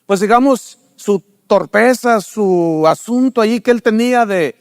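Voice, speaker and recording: High-voiced pastor preaching. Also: male voice, measured pace, no echo, clean studio sound. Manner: animated storytelling, acts out characters in raised pitch; rhetorical questions to the congregation. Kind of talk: sermon.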